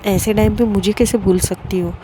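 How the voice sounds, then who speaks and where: A teasing, pushy young man in a spoken storybook, pressing and wheedling in a level, flat voice, as a woman narrator plays him. Traffic noise hums clearly behind. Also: medium pitch, moderate pace, lightly acted.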